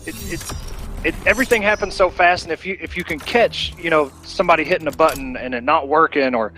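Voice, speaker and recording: A man's voice: on the high side, a little fast, pushed and bright, soft background music. A man doing live fighting game commentary in a casual, enthusiastic, slangy manner. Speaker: esports commentator.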